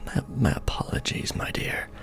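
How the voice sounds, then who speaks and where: Playing an ancient, world-weary vampire lord in an intimate ASMR roleplay, a man speaks formally and grandly in a breathy near-whisper carrying soft menace. The acting is light and the pace moderate, his mood apologetic yet resolved, with music in the background.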